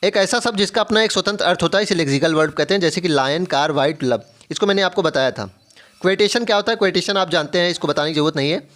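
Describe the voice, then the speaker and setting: A man's voice: high voice, fast, a bit bright. A young adult man with an Indian English accent teaching an exam-prep lesson, asking and answering his own questions and repeating key points. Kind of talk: explanatory lesson, mixing Hindi and English.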